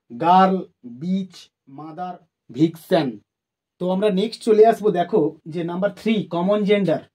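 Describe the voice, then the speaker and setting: Bengali-accented male grammar teacher, high but mellow voice, methodical lecture delivery. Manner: methodical, lists terms with numbered points and examples. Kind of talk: explaining a grammar lesson.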